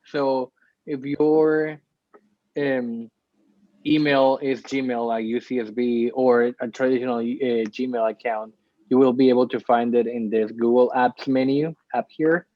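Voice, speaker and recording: Male workshop presenter on a video call; dull computer-mic sound, halting explainer with many fillers. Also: mid-range voice, fairly even intonation, no room sound. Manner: explains step by step with frequent ums. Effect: heard over a video call. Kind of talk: screen-share tutorial walkthrough.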